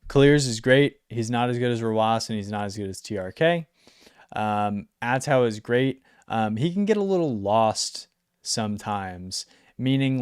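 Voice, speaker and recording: A young man casually ranking esports players in a relaxed, rambling way, with lots of ums and likes. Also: mid-range voice, smooth, no room sound, studio quality. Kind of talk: casual talking-head video.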